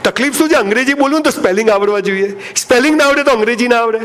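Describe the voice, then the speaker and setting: Speaking very fast in a very high, somewhat bright voice, this Gujarati-accented man gives a live motivational talk to a seated crowd. He jokes and performs lovers' lines in playful voices, with slight background noise audible.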